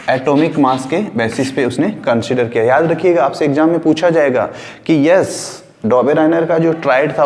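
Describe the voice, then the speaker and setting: A man's voice: a little high, darkish tone, in a large hall, slight background noise. A man teaching a school science class. He explains with everyday examples, repeats his key points and asks questions, then answers them himself. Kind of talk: classroom lecture.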